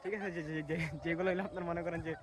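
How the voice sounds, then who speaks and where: Guy from bangladesh vlogging as he walks outside, fast chatty talk, slightly high voice. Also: level tone. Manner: chatty, colloquial, often says "ঠিক আছে". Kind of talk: walking vlog. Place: outdoors in mustard fields.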